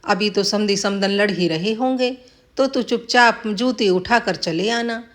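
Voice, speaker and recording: A woman voicing a grinning, freeloading old male in-law who talks in an unhurried, ingratiating way. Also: mid-range voice, lightly acted. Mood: musing.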